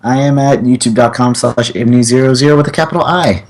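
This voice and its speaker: A young man co-hosting a gaming podcast, eager and lively. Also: mid-range voice, fast talker. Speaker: podcast co-host. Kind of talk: casual gaming podcast chat.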